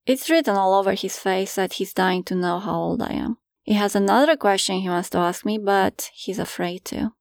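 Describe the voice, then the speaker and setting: A woman's voice: mid-range voice, normal speed, creaky, hardly any pauses, dry recording, studio quality. A woman narrating a first-person erotic story in a playful, teasing manner.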